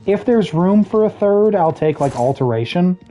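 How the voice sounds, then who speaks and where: A game streamer chatting casually over gameplay, explaining mechanics with dry jokey asides, throat a bit rough with the odd cough. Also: mid-range voice, lively intonation, normal speed, warm tone, faint music behind. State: throat trouble, occasional coughing.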